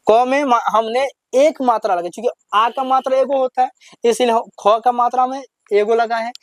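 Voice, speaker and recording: A woman's voice: a little high, no echo. Woman, teacher, step-by-step lesson for children, quizzing then drawling syllables, dry close sound.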